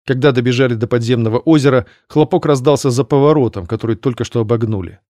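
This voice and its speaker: A man narrating a fantasy audiobook in an even, measured storytelling manner. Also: medium pitch, no echo, studio quality.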